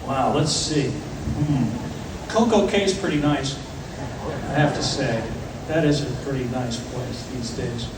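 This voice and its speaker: A man speaking as a ship's captain, answering audience questions informally, in a conversational way with deliberate pauses. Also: medium pitch. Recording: echoey venue, distant, clearly noisy ambience.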